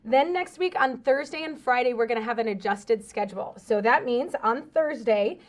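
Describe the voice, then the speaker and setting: A woman's voice: fairly high pitch, normal speed. A woman giving an informal school announcement, explaining things step by step and addressing students directly.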